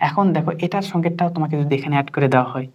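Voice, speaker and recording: A woman, teaching chemistry at a brisk clip. She quizzes her student line by line, coaxing answers and checking again and again that it has sunk in. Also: low voice, darkish tone, lo-fi sound. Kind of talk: interactive tutoring lesson.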